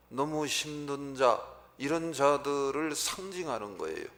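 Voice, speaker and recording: A man's voice: mid-range voice, creaky, fairly bright tone. A male pastor preaching a Sunday sermon in a church, repeating phrases and leading the congregation to echo him. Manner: preaching with repetition and congregation call-and-response. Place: church sanctuary.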